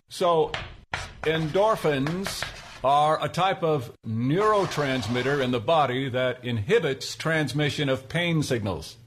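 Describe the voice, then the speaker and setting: A patient male schoolteacher played by a man lectures in a radio commercial. His voice is fairly high and deliberate, with faint noise behind it. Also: natural voice. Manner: deliberate, instructional.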